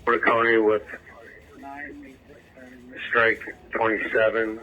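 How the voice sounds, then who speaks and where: A man's voice: lowish voice, completely flat delivery, takes it slowly. A man working as a dispatcher in police radio traffic, heard through a radio transmission. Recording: tinny, noisy police scanner radio.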